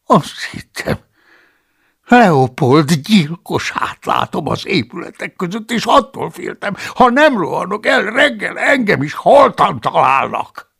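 A cowering, fat monk cellarer pleads for his life in a high, tearful, trembling voice, as a man reading an audiobook puts him on. The voice is gravelly and husky, swinging wildly up and down. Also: very animated, fairly bright tone, full character voice. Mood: frightened.

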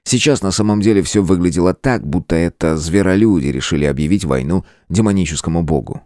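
A man reading a fantasy novel aloud as a calm, measured audiobook narrator. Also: sits low, no room sound, studio quality. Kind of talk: scripted narration.

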